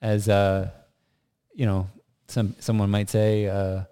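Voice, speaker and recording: Casting: American male podcast co-host, mellow and fairly low, loose unscripted chat. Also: little pitch movement, takes it slowly, smooth. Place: indoors in an unfurnished house.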